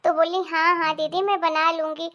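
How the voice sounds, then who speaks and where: A woman voicing a cheerful, chatty young sister-in-law in an animated family story. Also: very high-pitched, normal speed, highs cut off. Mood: excited.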